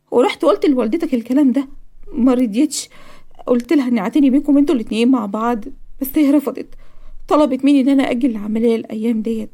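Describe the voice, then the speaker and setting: Woman playing an earnest young Egyptian nurse, cartoon story, high voice, very quick. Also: dark tone.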